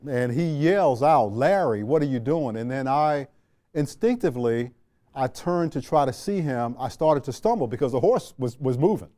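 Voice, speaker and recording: An older man from Washington, D.C., recalling his life in a relaxed, mellow voice. He speaks in a measured, unhurried way, circling back and restarting his sentences. His pitch sits in an ordinary middle range for a man. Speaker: interview guest, retired general. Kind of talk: reflective storytelling in a sit-down interview.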